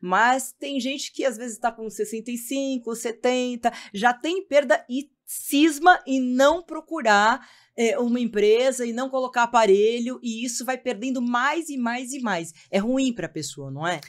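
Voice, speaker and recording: A woman's voice: a little high, normal speed. Chatty woman in her fifties hosting. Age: 50s. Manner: chatty, asks leading questions. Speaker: host. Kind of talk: casual podcast hosting.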